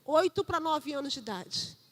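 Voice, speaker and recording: Woman pastor, very high voice, fervent sermon in church, loud then soft. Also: expressive, moderate pace. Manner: fervent, swings between loud preaching and soft storytelling.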